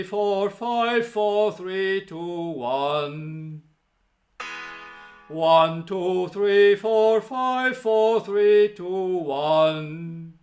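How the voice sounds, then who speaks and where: Man doing a stiff robot counting. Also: high-pitched. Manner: clipped robotic counting on a rising and falling scale. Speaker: voice student.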